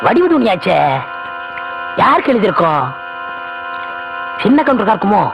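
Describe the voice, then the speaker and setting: A man's voice: sits high, sing-song, moderate pace, creaky, over music, full character voice, low-quality recording. An actor playing a young comic village washerman who mutters and grumbles. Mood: grumbling. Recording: film soundtrack with loud background noise.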